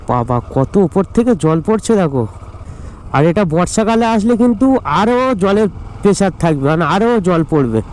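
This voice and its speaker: A man's voice: high-pitched, darkish tone, rough recording. A man travel vlogger with a Bengali accent, chatting casually to viewers as he rides and walks outdoors, stumbling and restarting now and then. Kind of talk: casual travel vlog narration. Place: outdoors, riding a motorbike on country roads and climbing steps. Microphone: action camera on the helmet. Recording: faint road and vehicle noise outdoors.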